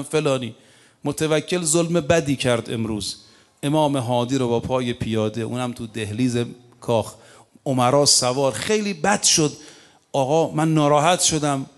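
A man delivers a religious sermon in a slightly high voice. He tells stories briskly and slows down to recite scripture in measured Arabic. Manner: recites Arabic verses slowly, then tells stories in fast colloquial Persian. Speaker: preacher.

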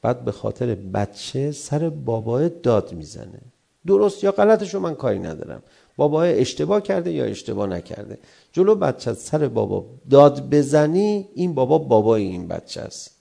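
A middle-aged cleric delivers a sermon in a gravelly voice. His tone is dark and mellow, and he acts out quarrelling spouses in raised voices to make his points. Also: medium pitch, sing-song.

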